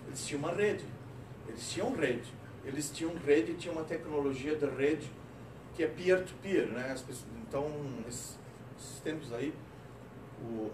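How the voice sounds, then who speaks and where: A middle-aged man giving a lively company talk, telling stories and tossing in tag questions, recorded from a distance in a large room. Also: on the high side, noisy background. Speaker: lecturer. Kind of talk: corporate safety-week talk. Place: company auditorium. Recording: roomy, distant lecture recording.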